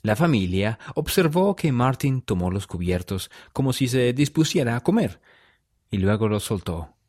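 A man narrating a story in a measured, solemn way. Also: mid-range voice, big pitch swings, darkish tone, no echo, clean studio sound.

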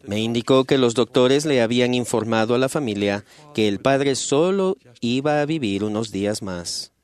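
A man of middle pitch gives a sermon to a church gathering, recounting a personal story. His delivery is measured and earnest, and he slows deliberately on the phrases he wants to land. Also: smooth. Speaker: speaker at a church meeting.

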